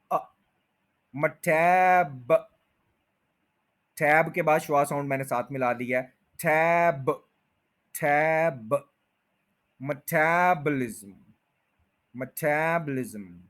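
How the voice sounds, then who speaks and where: Man teaching pronunciation slowly. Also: on the high side. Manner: repeats each word slowly, stretching out stressed syllables; explains patiently and step by step. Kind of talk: spoken lesson.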